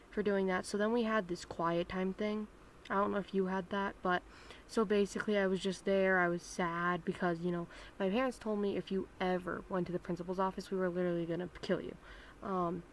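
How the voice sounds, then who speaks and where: Woman rambling thru a story time, mid pitch, acts out the quotes, bit of faint room hum. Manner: rambling, acts out quoted people in raised voices. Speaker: channel host.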